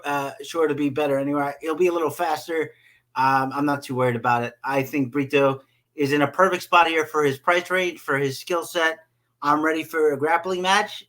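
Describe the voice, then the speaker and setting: A man's voice: on the high side, a bit bright. Man hosting a casual sports podcast. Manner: hesitant, many fillers and restarts. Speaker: podcast host.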